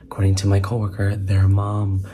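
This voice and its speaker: A man's voice: low-pitched, monotone, normal speed, dark tone. A tired man chatting casually in a vlog wrap-up, rambling and restarting his sentences. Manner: chatty, complaining, stumbles and restarts. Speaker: vlogger.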